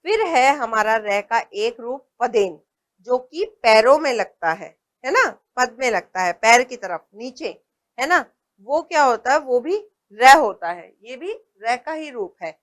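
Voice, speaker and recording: A woman teaching small children at a very unhurried pace. Her voice sits a little high, and she says each word slowly and often more than once, pausing to check that the class is following. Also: animated. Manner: patient, repeats words slowly and checks in with "है ना". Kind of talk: slow primary-school lesson.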